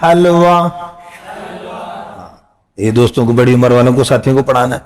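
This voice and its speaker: A middle-aged man teaching Quran reading in a casual spoken lesson, explaining patiently and repeating phrases and drawn-out letter sounds. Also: medium pitch, little pitch movement, a little mellow.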